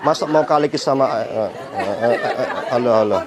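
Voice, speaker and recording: Joking preacher with a Makassar accent. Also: male voice, mid-range voice, moderate pace, over a noisy crowd, heavy background noise. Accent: Makassar Indonesian. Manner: jokey storytelling, acting out other voices. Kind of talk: humorous sermon. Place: memorial gathering in a market complex. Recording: roomy hall with laughing audience.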